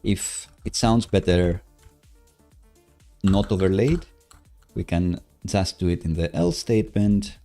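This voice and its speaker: Musing to himself over his code, a live-coding streamer and host speaks haltingly and hesitantly on a casual livestream. His voice is low, unhurried, and mellow with fairly even intonation, and soft music and computer typing play behind him.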